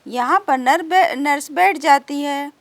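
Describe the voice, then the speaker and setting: A woman storyteller explains a homemade doll story scene by scene in plain, simple words. Her voice is high and her pace slow, with a dry, close sound. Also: fairly bright tone, dry recording.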